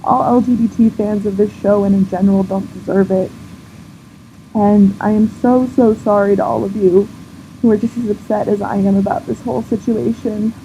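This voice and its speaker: A woman's voice: medium pitch, fairly even intonation, moderate pace, dark tone. A woman vlogger in an emotional rant to camera, indignant and near tears, swearing and restarting her sentences. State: on the verge of tears. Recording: dull lo-fi sound with faint background noise.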